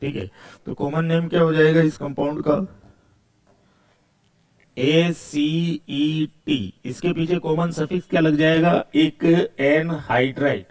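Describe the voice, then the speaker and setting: A man's voice: fairly high pitch, steady tone, moderate pace, darkish tone. A man teaching chemistry, asking questions and answering them himself and repeating key words. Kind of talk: video lecture.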